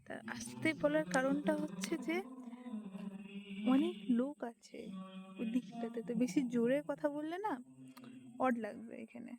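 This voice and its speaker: A woman with a Bengali accent, narrating a casual vlog in a soft, hushed voice while walking around outdoor temple grounds, recorded on a handheld phone. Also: sits high, moderate pace, gravelly, pauses often. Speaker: vlogger.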